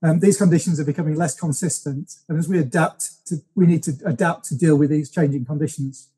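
A man answering interview questions as a company guest, explaining in a measured, businesslike way. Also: fairly high pitch, fairly even intonation, warm tone, breathy edge.

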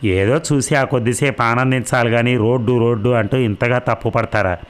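A man's voice: medium pitch, fairly even intonation, a little fast, smooth, natural voice. A man voicing a level-headed grown son in a read-aloud novel, arguing in a reasonable, mildly incredulous way. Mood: reasoning.

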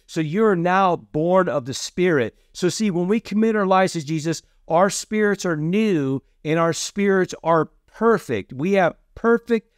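In a dry, studio-quality recording, a man with a high voice hosts a casual teaching sermon. He's a preacher leading a teaching series who often asks "Amen?" and kicks off his points with "So see."

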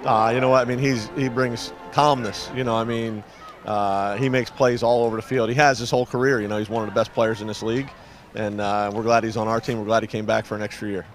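A middle-aged head football coach giving a modest postgame interview on the field, full of fillers. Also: male voice, lowish voice, fairly even intonation, faint music behind. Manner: fast, filler-heavy, modest answers. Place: outdoors on a football field at night. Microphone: reporter's handheld mic.

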